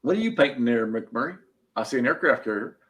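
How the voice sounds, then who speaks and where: A man's voice: mid-range voice, expressive, fairly quick, a bit bright. Chatty storytelling man in his fifties. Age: 50s. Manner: chatty storyteller who laughs at his own stories. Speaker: tabletop gaming group member. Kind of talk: casual chat.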